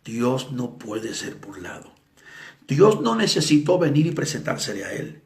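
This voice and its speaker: A male evangelist preaching a sermon, telling stories dramatically and acting out the people in them, sometimes with shouts. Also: mid-range voice, big pitch swings, a little slow, vocal fry. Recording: echoey room.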